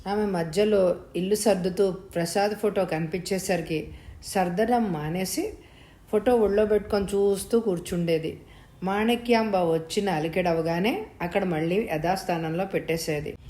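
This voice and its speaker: A woman narrating a novel episode in a calm, even storytelling manner. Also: medium pitch, moderate pace. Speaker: audiobook narrator. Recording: roomy echo.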